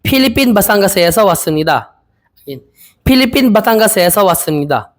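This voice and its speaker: A young man in his twenties from the Philippines, practicing Korean interview answers aloud, hesitant and repeating each phrase slowly. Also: high voice, expressive. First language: Filipino. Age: 20s. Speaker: Korean language learner.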